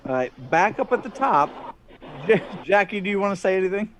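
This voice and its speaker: A middle-aged man with a slightly high voice acts as game master. He improvises the narration haltingly, circling back over his words. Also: expressive, fairly bright tone, a little hiss or hum. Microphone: headset on a video call.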